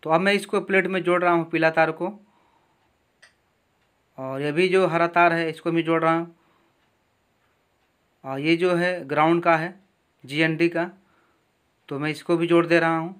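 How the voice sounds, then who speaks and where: A man teaching electronics repair, explaining each wiring step slowly and with a lot of repetition at his workbench. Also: on the high side, fairly even intonation, a bit bright, clean tone. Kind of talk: hands-on repair tutorial.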